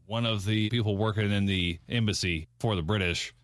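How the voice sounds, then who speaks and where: A man's voice: on the low side, moderate pace, no echo, studio quality. A man co-hosting a podcast, telling stories crudely with heavy swearing. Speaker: podcast co-host. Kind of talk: casual profane chat.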